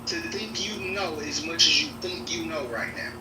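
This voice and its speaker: A man's voice: fairly high pitch, normal speed. A middle-aged man insistently lecturing a younger man in a casual chat. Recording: echoey room, far from mic, noisy.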